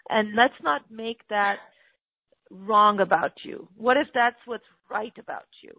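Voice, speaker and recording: A woman's voice: mid-range voice, unhurried, no echo. A woman hosting a spiritual call-in show, speaking affectionately to callers and calling them honey and sweetheart. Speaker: host taking callers. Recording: tinny phone-like line.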